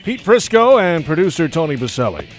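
A man's voice: a little high, big pitch swings, a little fast, faint music behind. A man hosting a sports talk show on the radio.

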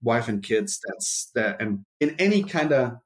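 A German-accented marketing executive in middle age, originally from Brazil and raised in Germany, appears as a casual interview guest. He speaks at a measured pace in an animated, medium-pitched voice. Rambling, he restarts often and leans on fillers.

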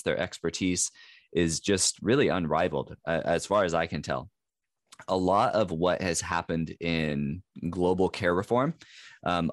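Deep-voiced man rambling on a podcast. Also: dry recording, clean studio sound. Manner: rambling, full of fillers and restarts. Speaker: podcast co-host. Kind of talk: casual podcast chat.

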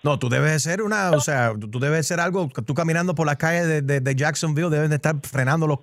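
A man hosting a lively radio call-in show, playful, mixing Spanish and English banter. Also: a little high, fast, no room sound. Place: radio studio.

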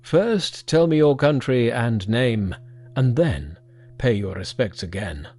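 A storyteller voicing a stern old patriarch teacher who questions a new pupil, gruff and measured. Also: mid-range voice, animated, darkish tone, soft background music, exaggerated voice.

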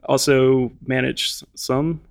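Gravelly-voiced American man, halting chat. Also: medium pitch, flat delivery. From southern Virginia, USA. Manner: hesitant, lots of fillers and restarts. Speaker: podcast co-host, cinema staff member. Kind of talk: casual chat.

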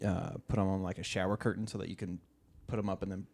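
A man's voice: low voice, flat delivery, fast talker, vocal fry, a little mellow. A man hosting a casual podcast chat in an echoey room, talking informally and swearing freely. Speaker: podcast host. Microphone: close handheld or stand microphone.

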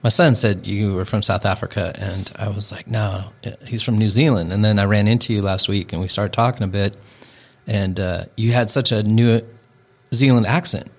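A man's voice: on the low side, steady tone, normal speed. A man hosting a podcast, chatting casually and asking friendly, leading questions. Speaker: podcast host. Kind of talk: casual conversational interview.

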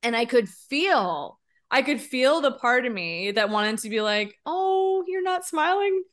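Emphatic woman podcast co-host, higher voice. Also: a little slow. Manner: emphatic and expressive, with frequent rhetorical "right?"; candid, occasionally swearing. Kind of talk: casual podcast conversation.

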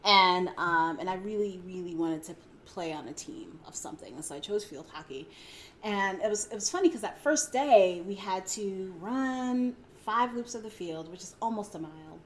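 A woman's voice: mid-range voice, animated, normal speed, a little hiss or hum. A woman in her forties, a podcast guest telling her story in a rambling, casual way with frequent laughter and fillers. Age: 40s. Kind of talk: casual interview chat.

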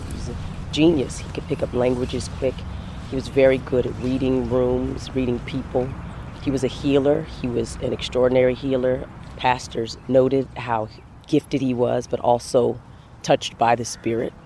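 A man telling the story of his late father in a measured, soft-spoken, reflective narration. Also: medium pitch, flat delivery, a little hiss or hum.

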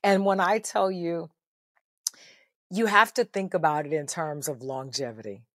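A middle-aged woman with a deep, bass-heavy voice, a guest telling her story emphatically in an interview. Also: a little slow, dry recording, clean studio sound. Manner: emphatic, preacher-like delivery with repetition.

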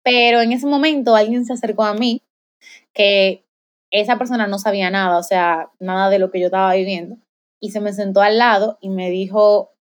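A woman's voice: mid-range voice, steady tone, moderate pace, lo-fi sound. A young woman giving a heartfelt personal faith testimony in conversation, with many fillers and restarts. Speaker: guest sharing a faith testimony.

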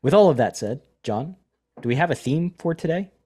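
A man's voice: on the high side, expressive, fairly quick, dark tone, husky. A man hosting a poker podcast, chatting casually in a rambling, self-deprecating way with repeated words. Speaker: podcast host, poker coach. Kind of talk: casual podcast chat and hand commentary.

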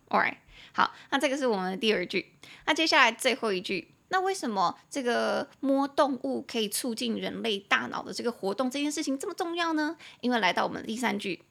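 A young woman hosting a podcast English lesson in Mandarin with a Taiwanese accent, repeating English words and spelling them out slowly letter by letter. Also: fairly high pitch, gravelly, fairly bright tone.

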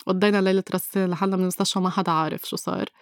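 A woman's voice: on the low side, fairly even intonation, very fast, clean tone, no echo, clean studio sound. A woman with a Lebanese Levantine Arabic accent tells a personal story as an interview guest, emphatically repeating phrases and mixing in English words.

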